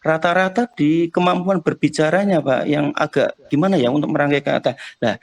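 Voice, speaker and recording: A man speaks in a middle-pitched voice. He sounds polite and earnest as he explains his plans as a teacher. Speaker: primary school teacher being coached. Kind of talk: coaching conversation practice.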